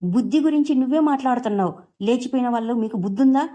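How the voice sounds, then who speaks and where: A hot-tempered young husband shouting in a family dispute, as a woman puts him on while retelling a TV serial. The voice is pitched high and sits mellow and soft in tone. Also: fast, close to an everyday voice. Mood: angry. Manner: scolding, shouting. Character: angry young husband defending his wife.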